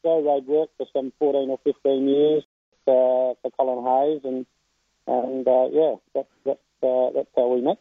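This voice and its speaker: A man who trains racehorses, speaking over a phone line in a radio phone interview, halting and full of filler sounds. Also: medium pitch, little pitch movement, dry recording. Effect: heard over a phone line.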